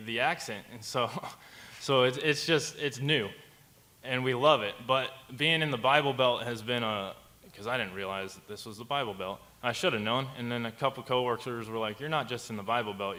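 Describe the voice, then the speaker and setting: A man's voice: medium pitch, bright, forceful tone. A man from Montana chatting casually in an interview, rambling and restarting sentences.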